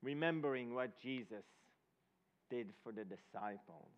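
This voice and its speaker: In a mid-range voice, a man from Israel leads a Passover presentation as a guest preacher, offering ceremonial teaching to a congregation. He speaks haltingly and asks listeners questions to check they follow. The audio is dull and lo-fi, with the reverberation of a large room full of people.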